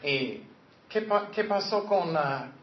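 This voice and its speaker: A man's voice: on the high side, animated, takes it slowly. Preaching man in an echoey hall. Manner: earnest preaching, acting out quoted voices. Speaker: pastor. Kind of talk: sermon. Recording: echoey, dull lo-fi room recording.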